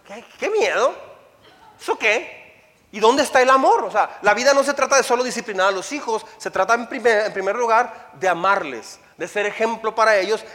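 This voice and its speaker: A man preaching a sermon to a congregation in a lively way, asking rhetorical questions, acting out quotes, and often stumbling over and repeating words. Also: high voice. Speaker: pastor. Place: church hall. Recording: preaching in a hall with long reverb.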